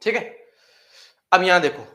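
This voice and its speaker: A man's voice: high voice, lively intonation, moderate pace, sharp tone. A man teaching chemistry in a classroom lecture, who repeats key phrases and asks his students questions that he then answers himself. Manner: calls students "beta" affectionately. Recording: echoey room.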